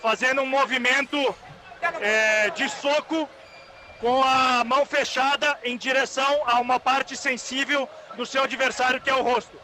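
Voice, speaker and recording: A man speaking as a football referee over a headset radio, making measured, procedural announcements in a Brazilian accent. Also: extremely high pitch, fairly even intonation, pushed and bright. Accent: Brazilian Portuguese. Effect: referee's headset radio audio. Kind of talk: official match communication.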